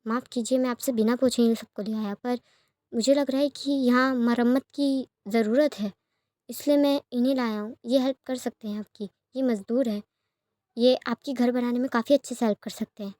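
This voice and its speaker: A woman doing a gentle, persistent young nobleman. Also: fairly high pitch, steady tone, moderate pace, dry recording, lightly acted. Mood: apologetic. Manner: soft-spoken and polite.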